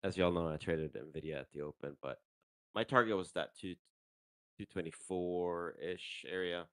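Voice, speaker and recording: A man's voice: low-pitched, moderate pace, smooth, dry recording. A man hosting a live trading stream, talking casually through his trades with fillers and the odd swear, holding his mic in his hand. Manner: loose and conversational, with fillers and mild swearing. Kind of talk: casual live market commentary. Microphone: handheld microphone.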